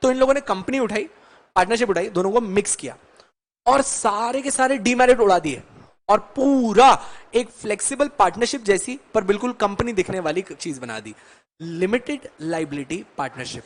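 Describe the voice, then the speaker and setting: Guy with a high voice lecturing a class, jokey, teases students, flips between hindi and english. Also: expressive, normal speed. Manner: playful, teasing students, mixes Hindi and English. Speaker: law lecturer.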